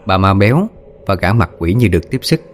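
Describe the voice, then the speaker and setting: A man narrating a ghost story as an audiobook, telling it calmly and voicing every character himself. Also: deep voice, brisk, a little hiss or hum. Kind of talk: storytelling narration doing all voices.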